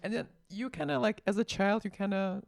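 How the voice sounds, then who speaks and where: A woman, a guest on a casual radio chat, talking in an earnest, halting way with many fillers. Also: medium pitch, creaky.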